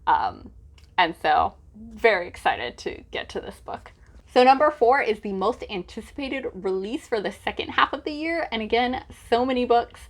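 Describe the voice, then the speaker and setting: Here a woman with a fairly high pitch sounds very animated at a moderate pace as she vlogs casually about books. She gushes emphatically, hesitating often and slipping in "like" asides.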